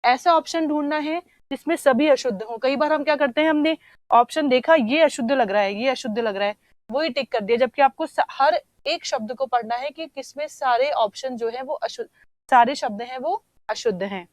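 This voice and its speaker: A woman teacher with a slightly high voice walks through exam questions at a steady, patient pace, repeating key words and checking in often. The sound is dry and close to the mic. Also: moderate pace, no room sound. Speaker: Hindi teacher. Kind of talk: online exam-prep lesson.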